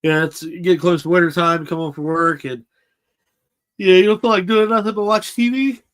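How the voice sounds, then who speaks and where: A man's voice: high-pitched, fairly even intonation, normal speed, fairly bright tone. A man hosting a casual live chat about toys and films, answering viewers' comments as he goes. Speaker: toy collector channel host.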